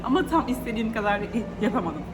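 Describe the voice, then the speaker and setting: A woman with a fairly high voice talks straight to her phone camera in a chatty, exasperated rant. Clear background noise from the shop and street runs under her words. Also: fast talker. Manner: animated, exasperated ranting with laughs. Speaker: vlogger. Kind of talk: casual vlog talk to camera. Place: in and around a small shop, walking about. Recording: noisy ambient background.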